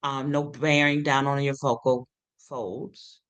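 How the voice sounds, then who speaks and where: A woman's voice: very deep voice, slow pace. A woman in her sixties with a lateral lisp, an occupational therapist and singer telling stories in a casual interview, with lots of ums. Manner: animated storyteller with many ums, acts out quotes.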